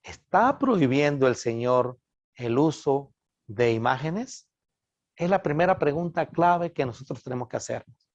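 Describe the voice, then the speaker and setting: A man's voice: mid-range voice, lively intonation, a little slow, no room sound. A middle-aged man, a pastor giving an earnest recorded Bible lesson, addressing listeners as brothers. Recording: dull, dry lo-fi recording.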